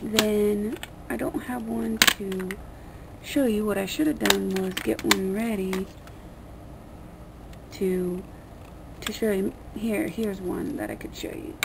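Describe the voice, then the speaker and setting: With a gravelly, creaky voice at a middling pitch, a vlogger slowly walks through a hands-on tutorial, keeping a steady tone and pausing often. She rambles in plain, colloquial, slightly crude language at a table in a small, dim room. The homemade camera recording, mic aimed at her hands, has clear background noise.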